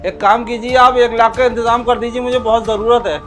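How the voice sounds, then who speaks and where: Man as a scheming bride's dad, high-ish voice, bossy threats, music under. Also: level tone, brisk. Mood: demanding. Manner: threatening, demanding. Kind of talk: web-series family drama acting. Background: background music.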